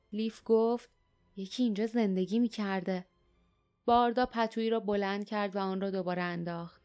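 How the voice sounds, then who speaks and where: A woman reading an audiobook aloud, calm and even, with a mid-range voice. Her storytelling is steady and measured. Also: medium pitch, clear, resonant tone. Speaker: audiobook narrator. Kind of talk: scripted narration.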